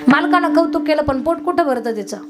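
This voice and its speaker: Woman kirtan preacher, high voice, tabla playing behind her, really emphatic. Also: expressive, a little fast. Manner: emphatic, addresses audience directly. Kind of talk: devotional sermon with storytelling. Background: tabla music.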